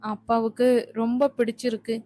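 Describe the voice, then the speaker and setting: A woman voicing a playful young woman who teases and reassures her lover, in a flat reading. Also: a little high, moderate pace, natural voice. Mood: teasing. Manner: teasing, reassuring. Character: young sweetheart Nila, mischievous and loving.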